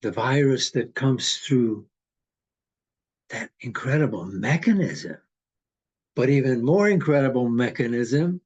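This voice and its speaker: A man in his eighties from Hungary, talking in a slow, rambling, philosophical way in casual conversation. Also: mid-range voice, expressive, slightly rough, muffled recording. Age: 80s.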